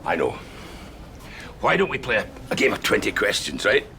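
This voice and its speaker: An actor with a Scottish accent playing a prisoner who holds a hostage, sing-song and mocking, swinging from jovial to threatening. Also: male voice, fairly low pitch, very animated, normal speed, vocal fry, background noise. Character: charming, menacing male prisoner holding a hostage. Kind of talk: television sitcom acting.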